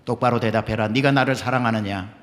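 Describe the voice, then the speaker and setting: A man voicing Jesus as a calm, commanding grown man, asking slow, solemn questions in a sermon, with a long church reverb. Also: lowish voice, pitched below the performer's own voice, natural voice. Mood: stern, solemn.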